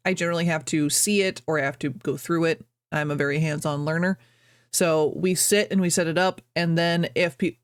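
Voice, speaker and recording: A woman's voice: sits low, dry recording, clean studio sound. A young adult woman streamer chatting casually at home, rambling, reading chat aloud and laughing often. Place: at home, birds outside.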